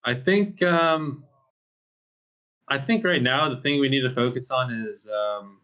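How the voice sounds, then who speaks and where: Bright-voiced young man, chatty gamer. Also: medium pitch, measured pace, dull audio. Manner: casual, filler-heavy, laughs often. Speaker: pro esports player. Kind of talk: post-match interview.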